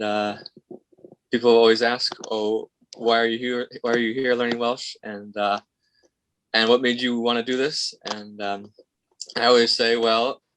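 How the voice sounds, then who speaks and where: A man's voice: medium pitch, a bit bright, dry recording, rough recording. A young man from Michigan, a student, giving a casual, rambling message full of ums and uhs. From Michigan, USA. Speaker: Welsh language student.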